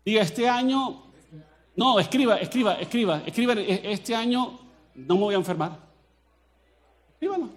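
Colombian pastor guy preaching, pretty high voice, jokey and animated, talks right at the crowd. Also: moderate pace, long pauses. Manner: animated and joking, addresses the crowd directly. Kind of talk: sermon to a congregation.

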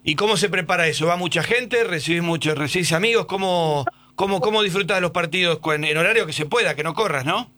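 A man's voice: high-pitched, fast talker, pushed and bright. A man with an Argentine accent hosting a radio interview in a chatty, teasing way. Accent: Argentine Spanish. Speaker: radio host.

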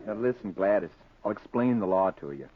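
An American actor playing an excitable, grabby working-class husband who blusters and stammers when nervous, in old-time radio drama style. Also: male voice, lowish voice, fairly quick, a crowd in the background, background noise, close to an everyday voice. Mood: insistent, self-justifying. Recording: tinny, phone-like old radio recording.

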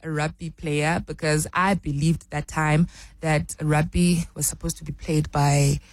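A woman's voice: low-pitched, little pitch movement, unhurried, no room sound, rough recording. A young woman from South Africa, a rugby player, answering interview questions with many ums and restarts.

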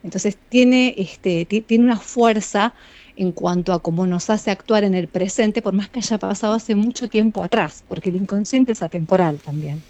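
An Argentine woman psychologist answering interview questions in a measured, explanatory way, often speaking straight to the listeners. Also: medium pitch, a little mellow. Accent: Argentine Spanish. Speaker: psychologist and author, guest.

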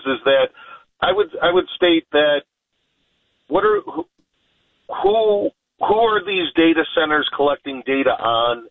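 A man's voice: mid-range voice, no room sound. A man calling in to an AM talk radio show over a phone line, emphatic and repeating his words as he makes his point. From Chicago area, United States. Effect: narrow phone line heard on AM radio. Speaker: radio call-in caller. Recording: tinny dry phone line.

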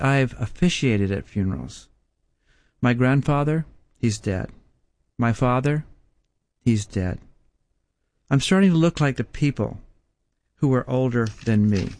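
A Bible teacher in his fifties delivers a sermon slowly and with emphasis, asking rhetorical question after rhetorical question. His voice is medium-pitched and somewhat dark, with no room sound.

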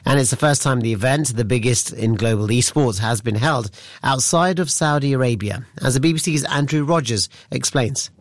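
A man presenting live news, reading brisk scripted links and questioning a correspondent. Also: mid-range voice, no echo, studio quality.

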